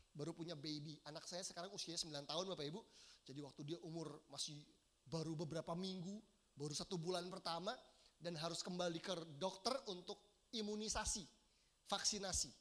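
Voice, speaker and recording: A man's voice: high voice, fairly bright tone. A man in his thirties preaching a sermon as pastor, earnest and addressing the congregation directly with questions. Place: large church hall.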